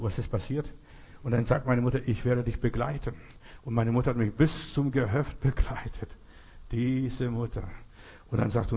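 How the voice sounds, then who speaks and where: A man delivers a sermon in a husky, slightly breathy voice. He speaks in earnest, exhorting tones and addresses each listener directly. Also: medium pitch, warm tone. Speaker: preacher.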